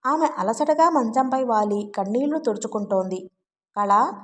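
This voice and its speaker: A woman narrating a family novel as an audiobook in a steady, even storytelling manner. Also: fairly high pitch, moderate pace. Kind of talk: scripted narration.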